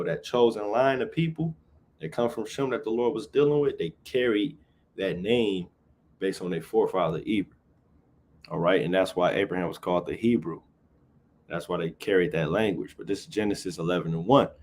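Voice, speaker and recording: Speaking low with a darkish tone and a slight hiss or hum in the audio, a male Bible teacher reads verses during a casual livestream. He explains them in an easygoing way and tacks "right?" onto almost everything he says.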